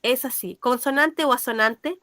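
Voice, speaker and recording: A woman's voice: high voice, normal speed, sharp tone, no room sound, studio quality. A woman teacher, patiently explaining a language lesson and checking that her pupils understand.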